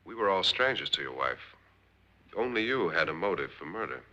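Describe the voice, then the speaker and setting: An actor playing a tough, suspicious party guest, blunt and decisive, in a vintage suspense film. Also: male voice, deep voice, big pitch swings, moderate pace, sharp tone, lo-fi sound, exaggerated voice. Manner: blunt, decisive, hard-edged.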